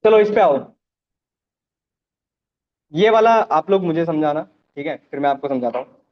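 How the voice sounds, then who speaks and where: High-voiced programming teacher, lo-fi. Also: male voice, expressive, moderate pace. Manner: explains step by step, checks students understand. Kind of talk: live coding class.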